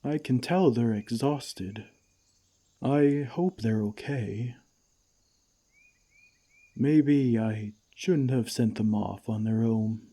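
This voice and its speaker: A man's husky, medium-pitched voice voices a kindly, caring giant for an ASMR comfort roleplay, musing to himself. He speaks in tender, old-fashioned phrases and takes his time.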